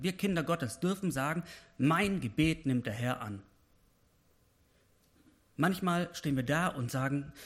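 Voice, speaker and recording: Impassioned German-speaking man preaching. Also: a little high. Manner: impassioned, rising to emphatic peaks when voicing prayers. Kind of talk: personal devotional sermon.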